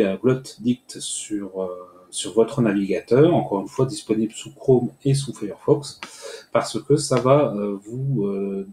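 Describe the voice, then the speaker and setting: Mellow-voiced man explaining a screen tutorial. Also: mid-range voice. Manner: hesitant, frequent "euh" fillers, explanatory. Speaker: tutorial host. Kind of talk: screen-recorded software tutorial. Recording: echoey room with faint hiss.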